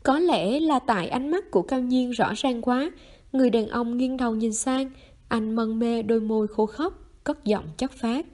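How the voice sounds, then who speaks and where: A woman narrating a novel in a steady storytelling manner, as an audiobook reading. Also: a little high, normal speed.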